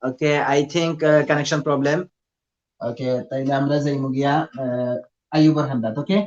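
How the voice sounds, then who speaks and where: A man with a Sylheti accent leads a live online recitation lesson at an ordinary pitch. He drills each sound patiently and slips English into his speech. The video call audio is dull and lo-fi. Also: fairly even intonation, measured pace, darkish tone. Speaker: Quran teacher.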